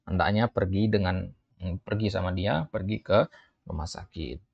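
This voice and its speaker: A man teaching an Arabic textbook dialogue in class style, reading the Arabic lines slowly and then translating and explaining them. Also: creaky, slightly rough, no echo. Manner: lifts his voice when reading quotes, drops low for asides. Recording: dull, muffled dry recording.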